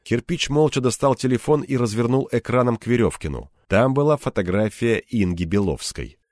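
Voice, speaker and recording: A male audiobook narrator with a measured, expressive reading style. His pitch moves a lot across each phrase. The voice is recorded close and dry, with no room sound. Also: dry recording. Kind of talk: scripted narration.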